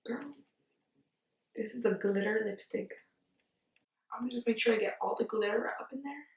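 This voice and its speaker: Tipsy, giggly female beauty vlogger, playful and exclamatory, higher pitch, very roomy sound. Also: fairly quick. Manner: giggly, tipsy drunk talk. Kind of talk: casual makeup tutorial chat. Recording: echoey room, distant from mic.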